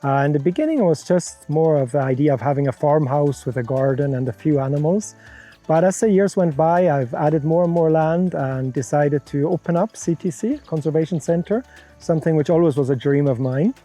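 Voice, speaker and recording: A man's voice: fairly high pitch, fairly quick, warm tone, faint music behind. A middle-aged man from Europe, founder of a conservation center, answering interview questions frankly and laying out worked examples.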